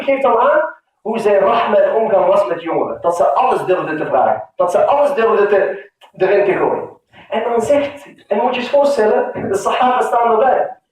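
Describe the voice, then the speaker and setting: A man preaching with strong emotion, his voice rising and dropping to a hush, with Arabic phrases woven into his talk. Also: very high voice. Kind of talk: sermon. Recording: very echoey hall, mic far off.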